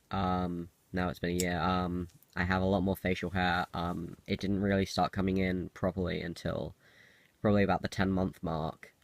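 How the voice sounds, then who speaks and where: A man's voice: sits low, creaky, no room sound. A young man with a cold that makes the voice a bit harsh, giving a casual, rambling personal update in a hesitant, self-interrupting way. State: has a cold. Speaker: video diarist.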